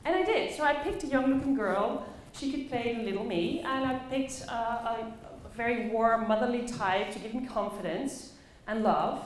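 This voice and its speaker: This is a personal storytelling talk by a woman from the Netherlands who works as a conference speaker and play facilitator. She has a Dutch accent and a higher voice, delivering expressively with dramatic pauses; the indoor room echoes heavily and there is faint background noise.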